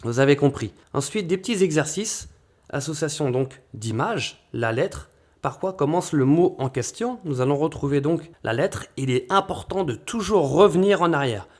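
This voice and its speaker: A man's voice: a little high, lively intonation, normal speed, a little mellow. A man presenting a children's book in a casual walkthrough, chatty, sounding out letter names and often asking "d'accord?". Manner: chatty, repeats "d'accord" and "vraiment". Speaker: bookshop presenter.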